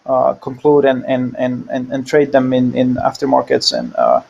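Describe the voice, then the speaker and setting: A man from Finland, speaking haltingly with many fillers as a guest in a casual panel discussion. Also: mid-range voice, lively intonation, vocal fry, darkish tone, slightly rough, lo-fi sound.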